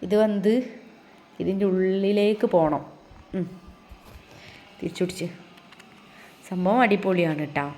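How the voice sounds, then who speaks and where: A woman's voice: mid-range voice, measured pace, long pauses, mellow. A woman, casually chatting to viewers step by step while making crafts at home. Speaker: family vlogger. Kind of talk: casual crafts vlog chat.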